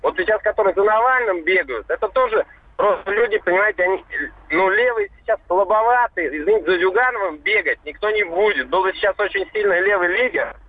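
A man's voice: sits high, sing-song, a little fast, dry recording. A middle-aged man calling in to a radio show over the phone, talking in a rambling way with lots of fillers. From Russia. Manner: rambling, conversational, with many fillers. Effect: phone line. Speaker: caller. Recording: tinny phone line.

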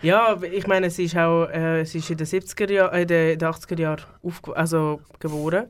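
A woman's voice: lowish voice, fairly even intonation, fairly quick. A woman with a Swiss German accent, a singer guest in a radio studio interview, talking with many fillers and restarts. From Switzerland.

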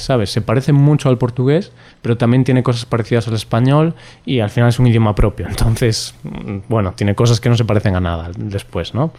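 A man's voice: medium pitch, dark tone. A man co-hosting a casual podcast, joking and laughing often. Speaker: podcast co-host.

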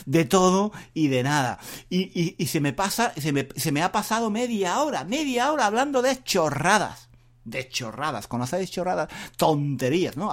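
Rambling middle-aged man with a Spain Spanish accent. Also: on the high side. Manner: rambling and self-mocking, fast talking; lively, jokey storytelling. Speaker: Spanish teacher and podcast host. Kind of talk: casual podcast monologue for learners.

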